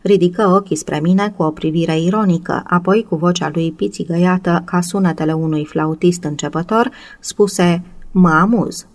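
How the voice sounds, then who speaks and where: A woman narrating a classic novel as an audiobook, reading slowly and in a measured way. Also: fairly low pitch, fairly even intonation, darkish tone, dry recording. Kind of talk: scripted narration.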